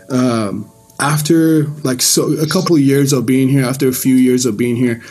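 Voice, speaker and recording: Telling a church group about his faith, an Iranian man talks in an easygoing, loose way, often stopping and starting over. He has a medium pitch and a slightly mellow sound.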